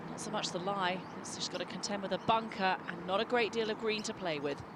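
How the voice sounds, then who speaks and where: A woman's voice: medium pitch, steady tone, brisk. Woman golf commentator, noisy outdoor ambience.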